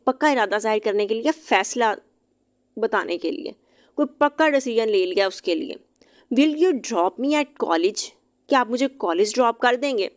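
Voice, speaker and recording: A woman teaching English vocabulary, reading each English example slowly and then explaining it briskly, sometimes spelling words out letter by letter. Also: a little high. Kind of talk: vocabulary lesson explained in Hindi-Urdu.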